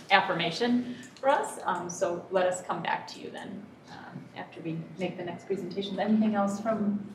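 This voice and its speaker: A woman superintendent speaking at a board meeting, deliberate and full of pauses and ums. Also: on the low side. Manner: hesitant, many ums, deliberate. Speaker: school superintendent. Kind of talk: public board meeting remarks. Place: echoey board meeting room. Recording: echoey room, distant mic, faint noise.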